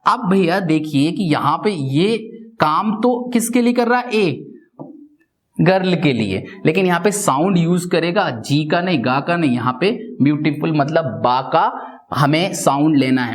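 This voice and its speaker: A man's voice: on the high side, unhurried. A man teaching English grammar in Hindi, asking himself rhetorical questions and answering them, with frequent "theek hai" fillers. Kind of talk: Hindi-language grammar lesson.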